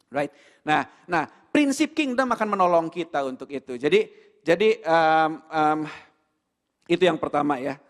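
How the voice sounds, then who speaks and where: A man with an Indonesian accent preaching a sermon in a church, animated and full of rhetorical questions, with English words mixed in. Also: on the high side. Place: church hall. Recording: long hall reverb.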